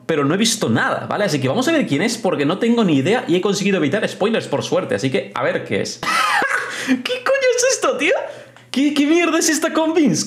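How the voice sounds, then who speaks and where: Reaction streamer with a Spain accent, animated pitch, loud exclaiming, echoey room. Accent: Spain Spanish. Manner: exclaims and swears often, repeats words in bursts. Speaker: streamer reacting to a wrestling show. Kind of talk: excited live reaction commentary. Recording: roomy echo.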